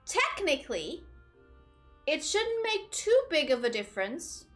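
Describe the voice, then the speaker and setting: In a high, sing-song voice, unhurried, a young Portuguese woman streams over soft background music. Seated at a desk in a small room with a headset, she chats casually with her live chat, giggling and rambling.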